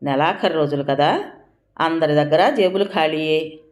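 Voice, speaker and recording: A woman's voice: low-pitched, measured pace, darkish tone. A woman voicing a tired, dejected poor husband who speaks wearily. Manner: weary, downcast.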